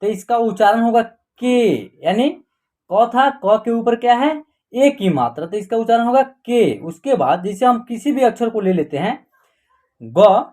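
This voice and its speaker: A man's voice: very high voice, lively intonation, dark tone. A man teaching an online Hindi lesson, patiently sounding out letters and words one at a time. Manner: slow and patient, repeating and sounding out each letter.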